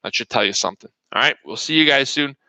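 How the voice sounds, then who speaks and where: Bright, joking trading show host, man. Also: medium pitch, animated, fast, no room sound, poor audio. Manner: joking, chatty, talks to viewers by name. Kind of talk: live market commentary, casual.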